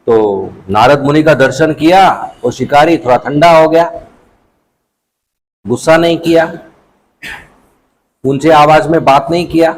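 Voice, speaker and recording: A man giving a storytelling sermon to a youth class, a lively storyteller who acts out his characters. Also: fairly high pitch, poor audio.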